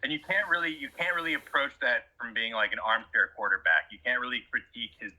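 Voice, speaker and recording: A man's voice: medium pitch, fast, sharp tone, poor audio. A man talking in a casual chat, rambling and emphatic with many restarts. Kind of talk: casual conversation.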